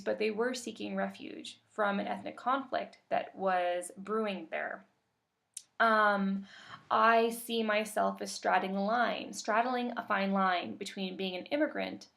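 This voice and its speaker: A Canadian woman facilitates a workshop over webinar, her mid-range voice touched with vocal fry. She speaks in a calm, measured way, sometimes using fillers.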